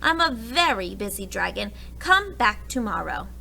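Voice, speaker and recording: A woman's voice: mid-range voice, big pitch swings, normal speed, creaky, sharp tone, slight background noise, heavily acted. A woman voicing a boastful, grumpy male dragon from a storybook, with a dismissive manner.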